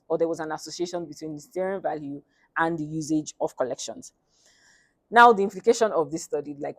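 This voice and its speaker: Casting: female student defending a thesis, halting and hesitant, modestly low pitch, very dry recording. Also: no room sound. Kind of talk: academic presentation, semi-scripted.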